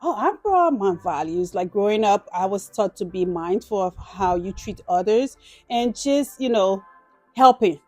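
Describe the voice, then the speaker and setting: A woman's voice: medium pitch, animated, unhurried, dark tone, no echo, faint music behind. Liberian-born woman chatting about her life. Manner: chatty, with many "you know" fillers. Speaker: business owner interviewee. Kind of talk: casual interview.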